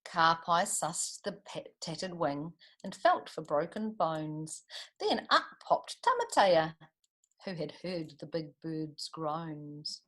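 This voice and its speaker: This storytime reader has a low voice with lively intonation and a fairly bright tone, and she takes her time. She's a New Zealander reading a picture book to kids with plenty of expression, chatty comments and questions for the audience.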